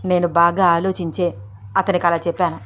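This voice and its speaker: A woman's voice: lowish voice, little pitch movement, fairly quick, fairly bright tone, lightly acted. A stern, grieving older mother who speaks with firm command, as a woman narrator puts her on. Her tone is grave and leaves no room for argument. This is a storybook reading.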